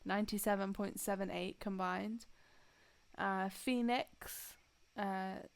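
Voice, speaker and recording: A woman co-hosting a podcast in casual chat, jokey and quick to read out scores. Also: medium pitch, fairly even intonation. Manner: chatty, jokey, reads out scores. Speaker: podcast co-host.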